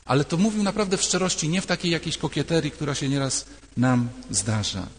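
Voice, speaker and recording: A man's voice: on the high side, fairly quick. An older man, a priest, giving a sermon in a conversational, emphatic way and repeating key phrases. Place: church. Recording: long church reverb.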